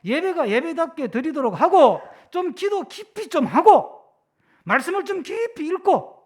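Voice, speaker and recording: A man's voice: extremely high pitch, very animated, moderate pace, a little mellow, voice pushed up. A man voicing a stern male God who rebukes his people, in an urgent, pleading tone. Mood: urging.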